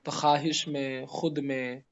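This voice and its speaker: A male grammar teacher giving a classroom lesson, spelling out letters slowly and putting questions to his students. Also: mid-range voice, flat delivery, dull audio.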